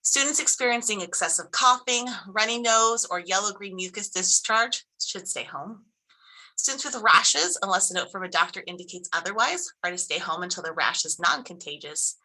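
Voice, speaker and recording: Bright-voiced woman principal addressing parents. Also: medium pitch, lively intonation, moderate pace, low-quality recording. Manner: upbeat, informative, reads from slides with small restarts. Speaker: school principal. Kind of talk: presentation to parents.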